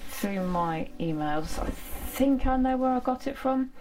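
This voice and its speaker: A woman's voice: high-pitched, animated, measured pace, mellow. A middle-aged woman with a chatty, self-deprecating manner, talking casually through her sewing project at home. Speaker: sewing vlogger. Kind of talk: casual sewing vlog chat. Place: home sewing room, indoors.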